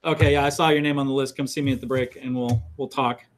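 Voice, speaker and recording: A man's voice: medium pitch, steady tone, quick pace. A middle-aged man teaching a college class, talking casually with many fillers and restarts while he calls roll in a classroom. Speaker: college instructor. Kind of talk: classroom lecture, taking roll call.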